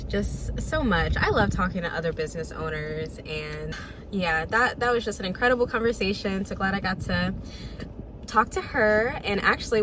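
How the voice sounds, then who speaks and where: Chatty woman vlogging with background music. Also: medium pitch. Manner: chatty, upbeat, addresses viewers as y'all. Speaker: mobile massage therapist and spa owner. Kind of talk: casual vlog narration. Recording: distant mic with background music.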